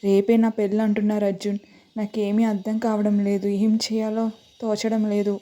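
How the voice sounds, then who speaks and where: A woman's voice: medium pitch, monotone, moderate pace, warm tone, natural voice. A woman voicing a young daughter, tearful and pleading with her father.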